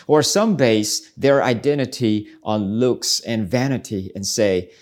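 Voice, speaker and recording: Delivering an earnest, reflective devotional, a South Korean man hosts his ministry podcast with a searching, preacherly manner. His voice is lowish and darkish in tone, and he speaks a little slowly.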